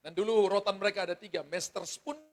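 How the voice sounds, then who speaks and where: Middle-aged pastor guy preaching, high voice, tells stories and acts out the lines. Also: fast talker. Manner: storytelling, acts out quoted dialogue. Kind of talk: sermon.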